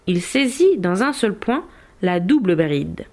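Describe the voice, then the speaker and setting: A woman narrating an audiobook of a medieval tale, in a measured, expressive storytelling manner. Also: mid-range voice.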